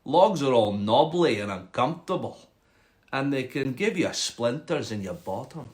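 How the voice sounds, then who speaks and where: A man's voice: medium pitch, expressive, unhurried, darkish tone, lightly acted. A man voicing a reluctant, complaining storybook frog with a Scottish accent and a plaintive, questioning manner. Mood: reluctant, pleading.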